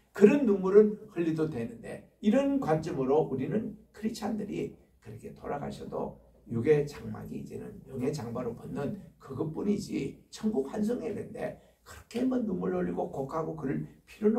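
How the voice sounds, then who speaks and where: An older man preaching a sermon, telling personal stories with swings from hushed to loud. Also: a little high, gravelly. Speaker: pastor. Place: church sanctuary. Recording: echoey church room from far off.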